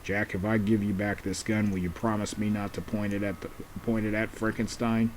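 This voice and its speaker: A man's voice: fairly low pitch, level tone, fairly quick, a little hiss or hum, lightly acted, poor audio. A man voicing a cheerful, trusting young male penguin in a homemade puppet drama, eager and reassuring with many fillers.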